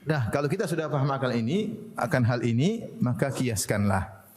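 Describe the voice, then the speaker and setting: A man's voice: mid-range voice, very animated, normal speed, a little mellow, big-room sound. A man giving a religious lecture, laughing often and asking his listeners rhetorical questions. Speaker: Islamic preacher.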